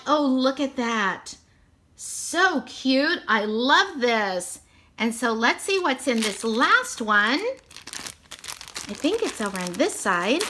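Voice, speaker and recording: A woman's voice: fairly high pitch, pushed and bright, slight background noise. A woman narrating a toy unboxing, gushing sweetly and repeating how cute everything is.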